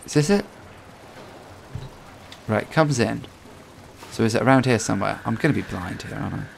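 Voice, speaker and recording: A man's voice: on the low side, moderate pace, gravelly, a little hiss or hum. A man streaming a game, chatting casually and reacting aloud to his teammates. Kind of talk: casual gameplay commentary.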